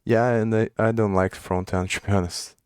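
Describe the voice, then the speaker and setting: A young Brazilian man speaks English as a second language with a Brazilian Portuguese accent, chatting casually and thinking aloud as he codes on a livestream, restarting and trailing off. His voice is on the low side, steady, normal in speed, slightly mellow and smooth. The sound is clean studio quality with no room echo.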